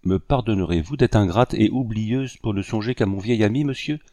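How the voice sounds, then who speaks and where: A man reading a storybook voices a gentle, pleading young lady of colonial society, raising her lines above his own low, dry reading voice. She speaks courteously and earnestly with emotional gratitude, at a brisk pace close to an everyday voice, with no room sound.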